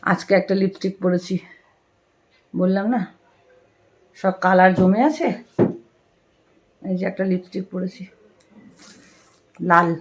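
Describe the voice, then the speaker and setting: A woman's voice: medium pitch, flat delivery, slow pace, pauses often. A middle-aged woman, chatting and confiding to her viewers at home, repeating herself as she talks. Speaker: lifestyle vlogger. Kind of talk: casual chat to viewers. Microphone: camera set far away.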